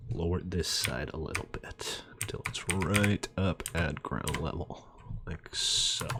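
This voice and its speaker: Brief: deep-voiced, unhurried male game commentator, keyboard clicks behind. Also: background noise. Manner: relaxed, thinking aloud while building. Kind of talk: let's play commentary. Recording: mouse and keyboard clicks audible. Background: computer clicking and typing.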